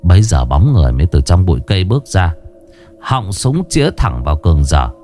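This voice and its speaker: A man's voice: deep voice, brisk, soft background music. A man narrating a crime story in a dramatic, scripted way. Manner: expressive, dramatic.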